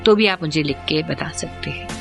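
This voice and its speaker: A woman's voice: sits low, moderate pace, gravelly, faint music behind. Chatty Indian woman radio host. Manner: chatty, mixes Hindi and English freely, opinionated. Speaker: radio host reviewing books. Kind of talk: casual book review chat.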